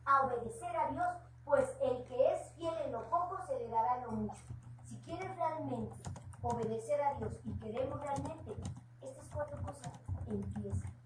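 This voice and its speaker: A woman with a Mexican Spanish accent preaches informally at a home church gathering, earnest and conversational with homely personal asides. Her voice is high at a moderate pace, recorded on a distant mic in an echoey, noisy room.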